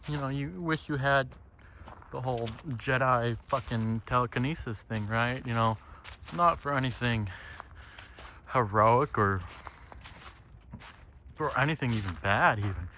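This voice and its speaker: Walking a lakeside trail with birds and outdoor ambience around him, this solo podcaster talks a little slowly in a medium-pitched, bright, forceful voice. His monologue is casual and reflective, meandering and profane, with frequent "right?" tags on his phrases.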